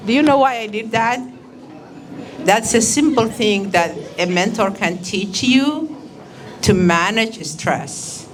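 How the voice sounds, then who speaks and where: A woman takes a young audience through a breathing exercise, giving clear directive instructions. She speaks slowly and deliberately. Plain background noise sits in the recording. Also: fairly high pitch, expressive. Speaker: speaker leading a youth workshop.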